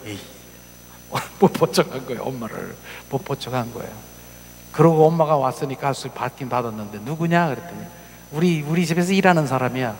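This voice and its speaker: A man's voice: mid-range voice, slight background noise. Impassioned male pastor in a reverberant hall. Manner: dramatic, swings from soft whispers to loud cries; acts out voices in the story. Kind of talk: emotional sermon storytelling. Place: church sanctuary.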